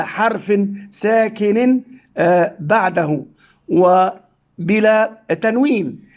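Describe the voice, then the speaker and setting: A male teacher giving a reading lesson for children, sounding out syllables and words slowly with stretched vowels. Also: high voice. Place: Medina, Saudi Arabia school.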